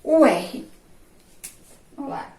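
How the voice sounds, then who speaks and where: Slow-talking Brazilian teacher woman, echoey. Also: recorded from a distance, slight background noise. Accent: Brazilian Portuguese. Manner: asks the class questions and answers them herself; sounds out syllables slowly and loudly. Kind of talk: remote classroom lesson. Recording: roomy echo, voice from off mic.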